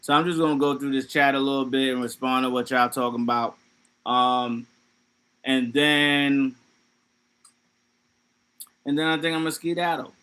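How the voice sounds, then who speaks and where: Bright-voiced man riffing casually on stream. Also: medium pitch, fairly even intonation, moderate pace, long pauses, clean tone. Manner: loose, profane, joking riffs. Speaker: livestream host. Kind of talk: casual livestream commentary.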